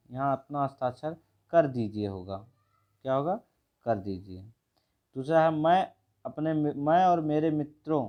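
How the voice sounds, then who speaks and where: Male teacher, mid-pitched, brisk revision-class delivery, repeats each word and checks with the viewer. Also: mellow. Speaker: Hindi teacher. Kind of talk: exam revision lesson.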